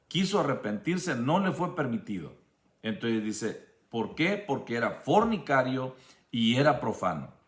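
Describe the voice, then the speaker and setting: A man giving a slow, measured Bible-study sermon, often restarting his sentences as he explains. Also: medium pitch, fairly bright tone, reverberant. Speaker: preacher.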